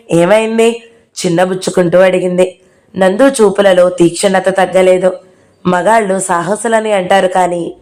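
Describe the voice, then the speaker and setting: Flat-voiced woman reading a novel aloud. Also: fairly low pitch. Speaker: audio novel narrator. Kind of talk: reading a novel aloud, voicing all characters.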